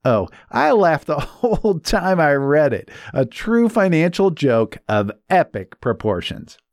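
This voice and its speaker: A man's voice: a little high, very animated, unhurried, no echo. A man hosting a casual talk about money as a financial planner, joking along with playful asides.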